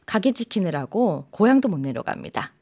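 Woman, radio language teacher, very lively pitch, chatty and coaxing. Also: moderate pace. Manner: animated, coaxing, keeps asking "right?".

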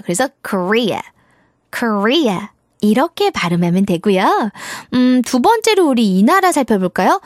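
A woman's voice: fairly high pitch, no room sound, studio quality. Cheerful woman English teacher for kids. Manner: cheerful, encouraging, sing-song. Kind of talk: children's English lesson.

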